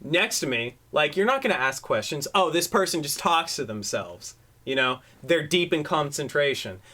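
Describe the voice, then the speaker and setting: This man co-hosts a loose, casual podcast, talking in a bright, somewhat high voice. He rambles, swears freely, and acts out his points as he goes. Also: lively intonation, normal speed. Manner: profane, rambling, demonstrative. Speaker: podcast co-host. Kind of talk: casual chat. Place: room at home. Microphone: desk microphone.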